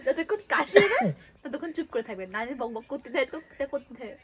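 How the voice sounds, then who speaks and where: A woman bantering casually in an excitable, dramatic way, often whining and giggling. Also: high-pitched, fast, heavy background noise. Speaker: vlogger doing a spicy noodle challenge.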